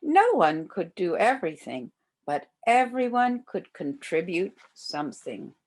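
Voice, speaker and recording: An older woman reading a children's storybook aloud as a volunteer, with expressive delivery aimed at young children. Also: lowish voice, measured pace.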